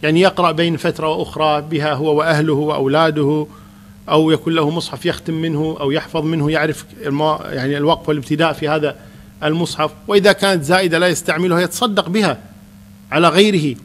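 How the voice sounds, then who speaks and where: A man leads a question-and-answer religious lesson as a Quran teacher. His voice sits high for a man, and he speaks quickly. He explains in a calm, reassuring manner. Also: a little hiss or hum.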